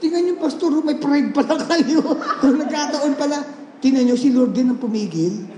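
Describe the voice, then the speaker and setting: A man, a pastor, preaching a sermon with animated storytelling, mixing in English phrases and laughing often. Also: very high-pitched, normal speed, a crowd in the background. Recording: echoey hall with faint background noise.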